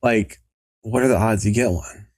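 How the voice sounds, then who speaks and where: A man co-hosting a casual podcast, speaking in a halting way and repeating words. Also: on the low side, no room sound, studio quality. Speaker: podcast co-host.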